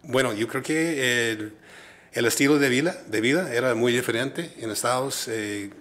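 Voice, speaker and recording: A middle-aged man from Minnesota, United States, speaks Spanish as a second language with an American English accent. His voice is medium-pitched, a bit bright, and moves at normal speed. As an entrepreneur guest, he answers interview questions hesitantly, filling pauses often.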